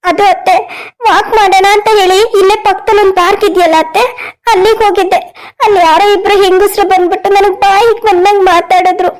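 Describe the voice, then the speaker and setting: A woman's voice: very high-pitched, steady tone, fast. A woman voicing a tearful young wife in a cartoon story, crying through hurt, pleading complaints. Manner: sobbing complaints.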